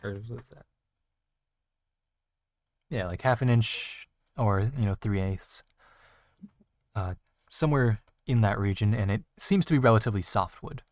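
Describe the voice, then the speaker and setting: Male game master, low voice, halting narration, dry sound. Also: no room sound. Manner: hesitant, lots of fillers.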